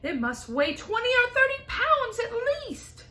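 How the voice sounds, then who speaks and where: A shrill, bossy aunt with a piercing high voice that leaps wildly up and down, as a woman reading a storybook puts her on. She screeches and snaps greedily, loud and sharp, heard in a roomy, echoing space. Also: very animated, a little slow, heavily acted. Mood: shrieking excited. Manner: screeching and snapping. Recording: roomy echo.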